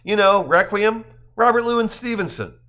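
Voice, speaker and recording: A man voicing a bookish, wry adult man who recites poetry slowly in a measured way. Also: sits high, animated, sharp tone, pitched above the performer's own voice. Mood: reciting. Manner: slow, measured verse recitation.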